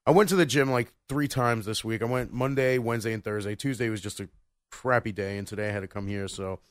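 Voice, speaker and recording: A man's voice: lowish voice, fast talker, no echo. Rambling man in his thirties, dry sound. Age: 30s. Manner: rambling, full of restarts and "you know". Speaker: podcast co-host. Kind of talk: casual chat.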